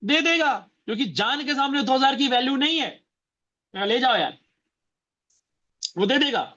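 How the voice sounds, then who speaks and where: Male motivational trainer, very high bright voice, punchy repetition and rhetorical questions, dull lo-fi sound. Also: lively intonation, normal speed. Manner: repeats phrases and fires rhetorical questions at the audience. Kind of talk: motivational seminar talk. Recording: dull lo-fi recording.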